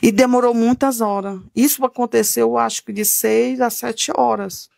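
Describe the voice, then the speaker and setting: A woman's voice: fairly high pitch, fairly even intonation, normal speed, creaky, a little mellow, no room sound. A woman giving a fervent, repetitive spoken testimony. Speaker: testimony giver.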